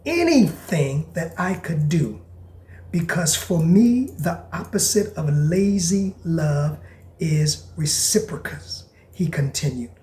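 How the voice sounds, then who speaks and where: A man's voice: on the high side, lively intonation, takes it slowly. Emphatic preacherly man, echoey room. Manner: emphatic and preacherly, repeats lines, drops to hushed whispers. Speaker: podcast host. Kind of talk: preacher-style podcast monologue, reading aloud.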